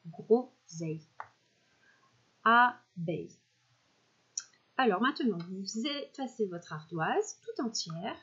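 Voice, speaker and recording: A woman primary school teacher giving a recorded spelling dictation, stretching out each word slowly and clearly with patient classroom talk. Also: on the high side, big pitch swings, a bit bright, highs cut off. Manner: slow, clear over-articulation of words, patient teacher talk.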